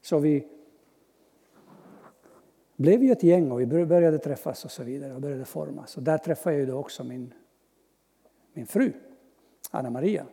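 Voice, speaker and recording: A man giving an earnest personal testimony as a preacher, speaking slowly with long pauses and sudden soft drops. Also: a little high, vocal fry, slightly rough. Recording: long hall reverb.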